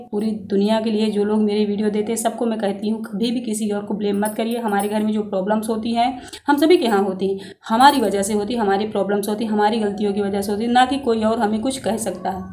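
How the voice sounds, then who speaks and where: A woman's voice: mid-range voice, mellow, slight background noise. A woman vlogger talking straight to her viewers in a casual motivational talk, earnest and preachy, asking rhetorical questions as she gives advice, recorded on a phone. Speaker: vlogger giving life advice.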